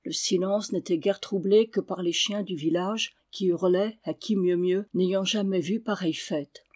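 A narrator reading a historical novel aloud in a measured storytelling manner. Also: medium pitch, fairly even intonation, a little mellow. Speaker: audiobook narrator. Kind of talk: literary audiobook narration.

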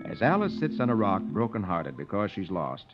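A jolly man reading a children's story on old-time radio in a lively, singsong way. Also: low voice, moderate pace. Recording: dull old radio transcription with music.

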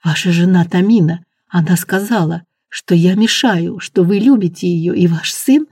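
Reader plays terrified young maid with child; raised, strained voice, dark mellow tone. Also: mid-range voice, moderate pace, slightly rough, no echo, clean studio sound. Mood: accusing. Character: frightened young pregnant maid, defiant.

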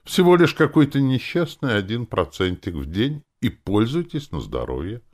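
A man's voice: mid-range voice, very animated, moderate pace, pitched above the performer's own voice. A man voicing a grumpy, greedy, foul-mouthed female demoness in an audiobook, with a whiny, shrieking and sarcastic delivery. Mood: haggling. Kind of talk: audiobook character voice.

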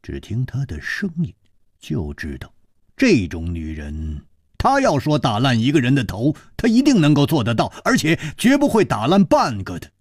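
A man narrating a martial-arts tale in a traditional storytelling style, dramatic and expressive. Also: mid-range voice, moderate pace, breathy edge, no room sound, studio quality.

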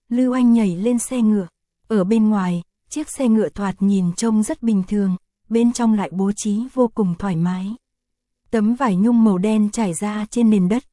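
A woman narrating an audiobook in a steady, even storytelling manner. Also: mid-range voice, moderate pace, dry recording, studio quality. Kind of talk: scripted narration.

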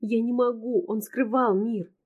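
A woman's voice: on the high side, steady tone, measured pace, a little mellow. A woman voicing a frightened young woman who sobs and pleads, trapped and desperate. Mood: tearful. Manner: sobbing, pleading.

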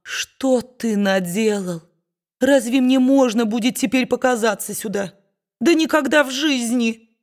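A woman's voice: on the high side, unhurried, voice pushed up, lightly acted. A woman doing a fretful, pious mother. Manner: anxious, pleading.

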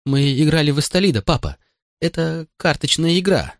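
A man's voice: mid-range voice, lively intonation, moderate pace, no room sound, studio quality, pitched above the performer's own voice, close to an everyday voice. A man reading an audiobook voices a frightened young boy who pleads through tears with his stern father. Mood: timid, tearful. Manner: sobbing, pleading. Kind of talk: audiobook character voice.

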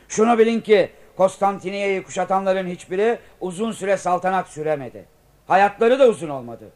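An actor playing a proud, defiant emperor in a radio play, speaking in formal declamation. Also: male voice, on the high side, close to an everyday voice.

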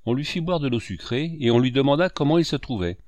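A man narrating a classic children's story in an expressive, scripted reading. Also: medium pitch, fast, dry recording. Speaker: audiobook narrator.

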